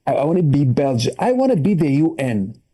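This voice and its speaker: A man with an Israeli accent doing a stand-up set over a video call, animated, in broken English phrasing, with punchlines that leap up in pitch. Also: fast talker. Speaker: stand-up comedian.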